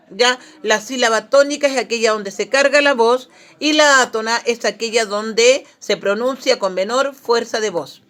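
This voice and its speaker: A Chilean woman who teaches primary school, giving a recorded grammar lesson. She explains step by step, often checks in with her pupils, and encourages them. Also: fairly high pitch. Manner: warm and encouraging toward pupils.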